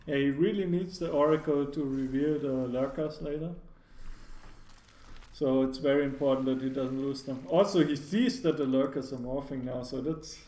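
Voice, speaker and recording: A man's voice: medium pitch, moderate pace, warm tone. Echoey-sounding man giving casual game commentary. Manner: hedging, filler-heavy analysis with frequent "like" and restarts. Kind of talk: casual live esports commentary. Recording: echoey room, faint background noise.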